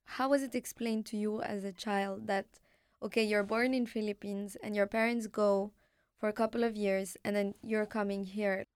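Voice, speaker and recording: Curious woman host from Morocco, clear voice. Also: medium pitch, steady tone, normal speed, no echo. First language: Arabic. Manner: curious, asks long reflective questions. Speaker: podcast host. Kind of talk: interview.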